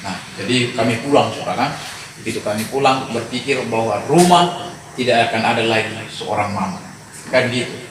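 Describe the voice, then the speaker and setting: A man, telling a personal story in a sermon as an animated storyteller who talks straight to the congregation and chuckles often. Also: medium pitch, moderate pace, noisy background. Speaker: preacher leading a discipleship session. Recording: very echoey hall, voice from a distance.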